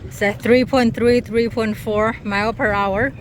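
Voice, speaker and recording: A woman's voice: on the high side, fairly even intonation, measured pace. A woman narrating a casual hands-on product test outdoors on a boat, speaking in short broken remarks as she works. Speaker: product demonstrator. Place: outdoors on a small motorboat on the water. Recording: noisy outdoor boat recording. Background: boat and water noise.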